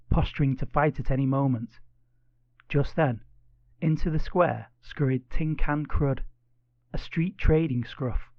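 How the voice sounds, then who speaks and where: A man narrating a children's audiobook with expressive, playful storytelling. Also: medium pitch, no room sound, muffled recording.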